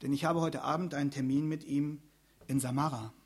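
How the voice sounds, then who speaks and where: A man voicing Death as a calm, matter-of-fact figure in a told legend. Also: fairly high pitch, fairly quick, breathy edge, voice pushed down. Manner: matter-of-fact, quietly surprised. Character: calm, amused Death, unhurried.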